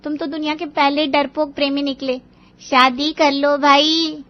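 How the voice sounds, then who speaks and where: A woman's voice: high voice, flat delivery, measured pace, muffled recording. A woman voicing a cheeky young sister who teases her brother. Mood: teasing. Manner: teasing, mocking.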